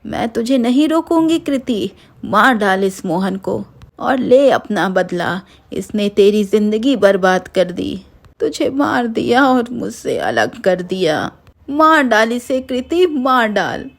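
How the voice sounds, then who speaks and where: A woman's voice: mid-range voice, sing-song, takes it slowly, pitched above the performer's own voice, exaggerated voice. A woman voicing a worried, protective middle-aged aunt in a cartoon horror story, pleading and scolding by turns. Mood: vengeful. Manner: pleading, then sharp and scolding.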